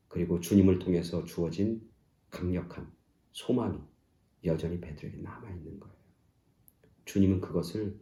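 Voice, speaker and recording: Pastor preaching in an echoey church. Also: male voice. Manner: swings from loud, high exclamations down to soft, near-whispered lines. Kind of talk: sermon. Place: church sanctuary.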